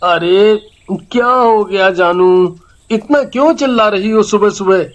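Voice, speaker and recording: A man voicing a teasing young husband, high voice. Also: highs cut off. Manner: teasing, laid-back, drawn-out. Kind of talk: voiced animated horror story.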